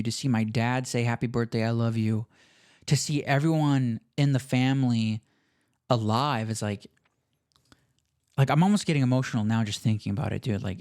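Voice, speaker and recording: Young american dude podcasting, hyped and chatty, keeps saying dude. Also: male voice, medium pitch, darkish tone. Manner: enthusiastic, says "dude" a lot. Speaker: podcast host. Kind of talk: casual storytelling monologue.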